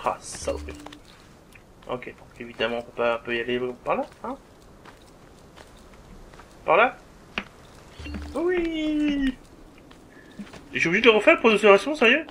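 Male gamer commentating, high, animated pitch, crude and jokey. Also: moderate pace, pauses often, a little hiss or hum. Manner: swearing, joking, talking to the game. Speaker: let's play commentator. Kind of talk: gameplay commentary.

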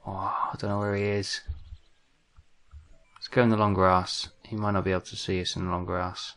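A young man chats his way through a survival game, joking with viewers as he goes. His voice sits low with a gravelly, crackly edge, yet it stays bright and forceful. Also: little pitch movement, normal speed, faint music behind. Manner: chatty, jokey, talks to viewers while playing. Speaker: gaming let's-play host. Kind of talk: casual gameplay commentary.

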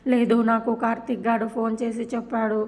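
A calm elderly grandfather answers slowly and steadily, voiced by a woman narrator. His voice sits fairly high and level. He sounds like the head of a family in a retold serial. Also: natural voice.

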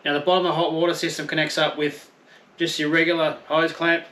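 A slightly high, fairly bright voice with flat delivery comes out fast from an Australian man in his thirties. Vlogging about camping gear, he unboxes and reviews it in a laid-back, chatty, self-deprecating manner, swears a little, and shifts from an outdoor patio to a garage.

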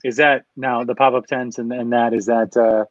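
A man hosting a casual interview, asking relaxed questions and dropping short "mm-hmm"s. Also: mid-range voice, moderate pace, a little hiss or hum. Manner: brief back-channel "mm-hmm"s, relaxed questions. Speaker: host. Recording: dry, dull lo-fi call audio.

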